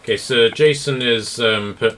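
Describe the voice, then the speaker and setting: A man narrating a tabletop game as game master, in a halting, rambling, improvised way. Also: mid-range voice, a bit bright, slight background noise.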